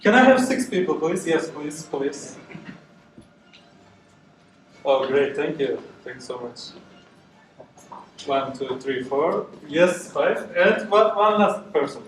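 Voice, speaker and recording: A man's voice: fairly high pitch, animated, slow pace, long pauses, a little hiss or hum. A man from Turkey gives a friendly live meetup talk with many uh fillers, often checking in with okay and right. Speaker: meetup speaker and organizer. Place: event room with audience. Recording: echoey room from far off.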